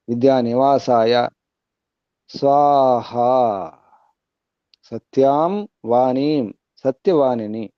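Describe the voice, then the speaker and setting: A man giving a spiritual discourse. He chants verse words slowly, then explains them in measured, repetitive phrases. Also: mid-range voice, dark tone, no echo, highs cut off. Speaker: Vedic teacher.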